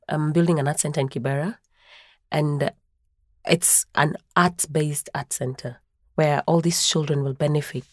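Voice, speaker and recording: A woman's voice: sits low, darkish tone, dry recording, studio quality. A young Kenyan woman in the film business, telling her story in an eager, exclaiming way. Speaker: film actor and producer. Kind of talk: casual interview.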